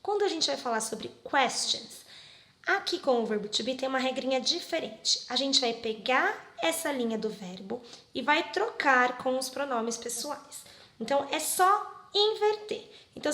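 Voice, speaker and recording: A woman's voice: a little high, pushed and bright, roomy sound. A woman English teacher from Brazil, giving a patient step-by-step grammar lesson and often checking in with her students. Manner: slow, patient, explains step by step with frequent check-ins.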